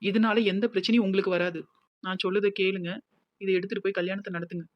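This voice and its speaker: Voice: mid-range voice, fairly even intonation, fast talker, dry recording, lo-fi sound, close to an everyday voice. A voice actor playing a devoted young village woman with a Tirunelveli accent. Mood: insistent. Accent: Tirunelveli Tamil. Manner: gentle, comforting, insistent.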